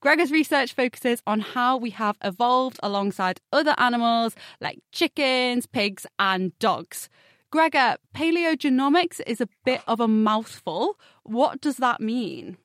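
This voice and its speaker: A woman presenting a science podcast as host, with a bright, curious and upbeat delivery. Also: a little high, animated, measured pace, no room sound, clean studio sound.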